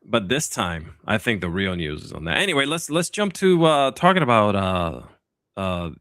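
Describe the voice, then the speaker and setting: A man's voice: fairly low pitch, very animated, moderate pace, fairly bright tone, no echo, clean studio sound. A man hosting a political talk podcast, speaking casually and sarcastically, with lots of fillers and restarts. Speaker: podcast host.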